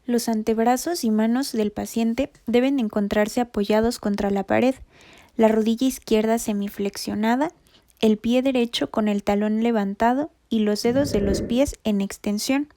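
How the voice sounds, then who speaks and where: A woman narrates a rehabilitation lesson in a steady, methodical read. Her voice sits a little high yet sounds mellow and warm. She sounds like a studio voice-over. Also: moderate pace. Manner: even, methodical reading of anatomy terms. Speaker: rehabilitation instructor. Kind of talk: scripted educational narration.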